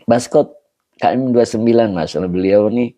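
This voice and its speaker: A man's voice: lowish voice, moderate pace, warm tone, no room sound. A man as a religious teacher, closing his online lesson by greeting viewers and reading their comments in a chatty, laughing way, with Arabic phrases mixed in. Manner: chatty, laughing, switches between Indonesian, Javanese, Sundanese and Arabic. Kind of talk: casual livestream closing, reading comments aloud.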